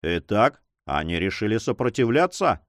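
A man voicing a cold, ruthless pirate leader who speaks in an icy, mocking, unhurried way. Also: lowish voice, very animated, no echo, clean studio sound, pitched below the performer's own voice.

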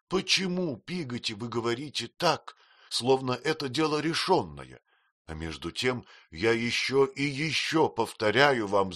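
A man voicing an emotional, tearful young widowed mother, in a high, plaintive, pleading voice. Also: fairly bright tone.

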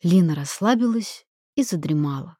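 Woman narrator, audiobook, low voice, dry close sound. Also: lively intonation, normal speed, dark tone, husky, no room sound.

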